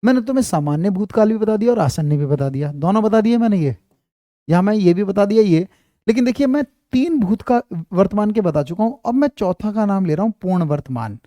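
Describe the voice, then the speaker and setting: A man teaching Hindi grammar in an online class, slowly repeating example sentences and speaking into a clip-on mic. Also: sits high, expressive, dark tone, dry recording, clean studio sound.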